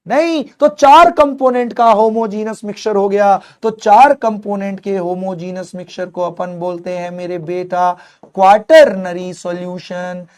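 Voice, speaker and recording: A young male chemistry teacher giving an animated online exam-prep lecture, mixing Hindi with English terms and calling his students his kids. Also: high-pitched, unhurried, clear, resonant tone.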